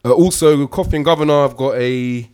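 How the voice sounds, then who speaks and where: A man's voice: medium pitch, brisk, a little mellow, clear, resonant tone. A young man with a London accent hosting a podcast, chatting casually and using plenty of street slang. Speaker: podcast host.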